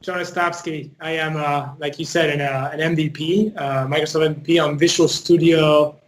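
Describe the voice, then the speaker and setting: A man's voice: fairly high pitch, steady tone, moderate pace, low-quality recording. A man from Argentina, a guest on a tech show, talking hesitantly with many fillers. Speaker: startup technical lead guest. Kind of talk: casual interview chat.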